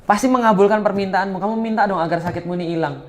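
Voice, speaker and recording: A man's voice: high-pitched, racing, close to an everyday voice. A man doing a coaxing, worried wife. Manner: coaxing, urging. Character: pleading, concerned wife of a sick man.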